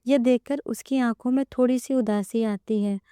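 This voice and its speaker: A woman reading a romance story aloud in an even storytelling manner. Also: on the high side, normal speed, clear, resonant tone, dry recording, studio quality. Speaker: narrator. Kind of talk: scripted narration of a romance story.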